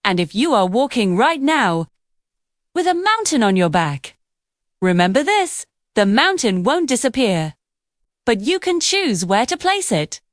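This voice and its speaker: A woman narrating a reflective story in a slow, soothing manner. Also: on the high side, sing-song, no room sound, studio quality.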